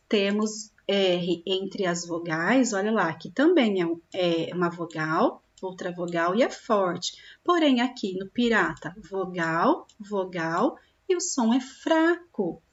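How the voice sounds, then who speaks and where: A woman teaching young children, slowly drawing out syllables and often checking in with them. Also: medium pitch, animated, lo-fi sound. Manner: slow, drawn-out sounding of syllables, with frequent check-in questions. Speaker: primary school teacher. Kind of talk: recorded classroom lesson for young children.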